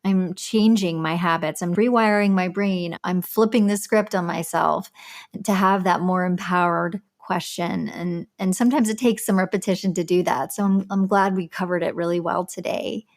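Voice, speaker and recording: A woman hosting a podcast interview, responding with affirming remarks and gentle repetitions in casual chat. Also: on the low side, fairly even intonation, normal speed. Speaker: podcast host.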